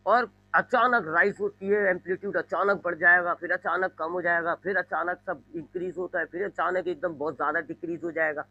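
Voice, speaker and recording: A man teaching a physics lesson, explaining slowly and repeating his points, now and then imitating sounds. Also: sits high, steady tone, bright, forceful tone, muffled recording. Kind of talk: classroom lecture.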